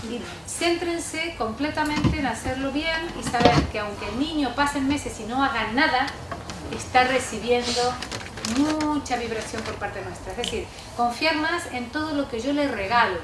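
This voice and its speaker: A woman leads a lecture workshop, explaining her points step by step and pausing to check in with the room. Her voice sits fairly high for a woman. It comes from far off the microphone in an echoey hall, with steady background noise. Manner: instructive, often checks in with listeners with a short question tag. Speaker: speaker giving a talk on how adults speak to children. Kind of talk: workshop lecture with spoken demonstrations. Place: lecture room with a live audience.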